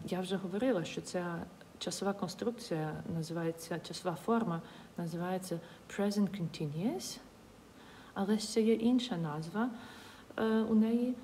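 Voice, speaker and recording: A woman's voice: on the low side, mellow, slight background noise. A woman teacher explaining English grammar step by step, patiently repeating words and examples.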